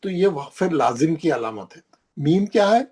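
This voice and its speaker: A man leads a classroom lesson, his voice sitting a little high for a man. He talks in a steady, repetitive way and stresses key words again and again to drive each point home. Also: moderate pace, husky. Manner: repetitive, emphatic, points at the page while explaining. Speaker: Quran recitation teacher. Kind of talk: classroom lesson explaining recitation rules.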